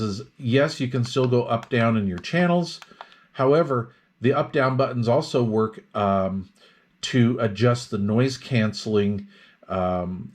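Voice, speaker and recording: A man with a medium-pitched voice gives an unscripted product review, explaining things casually and often pausing mid-phrase as he goes.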